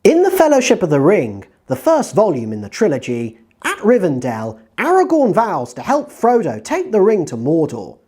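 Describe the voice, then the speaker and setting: Woman narrating with swooping, lively pitch. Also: moderate pace, hardly any pauses. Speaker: narrator of a writing-tips video. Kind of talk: scripted narration.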